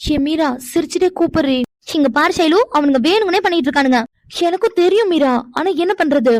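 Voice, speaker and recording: A woman voicing a calm young woman in a cartoon who soothes her angry friend, coaxing in tone. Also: very high-pitched, a little fast, no room sound, studio quality. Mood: soothing. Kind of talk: cartoon voice acting.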